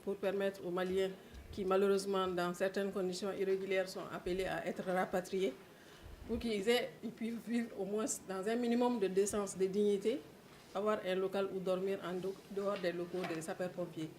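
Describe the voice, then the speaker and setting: A woman's voice: mid-range voice, steady tone, moderate pace, a little mellow, a little hiss or hum. A woman member of parliament giving an earnest speech at a forum, stressing her points to the audience.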